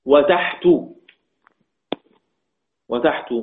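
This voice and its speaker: Teaching sheikh over a tinny line. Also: male voice, a little high, slight background noise. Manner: slow, repeats verse lines and quiz questions to students; chants quoted verses in a drawn-out recitation tone. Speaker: Quran recitation teacher. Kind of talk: recorded online lesson. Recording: tinny phone-like audio.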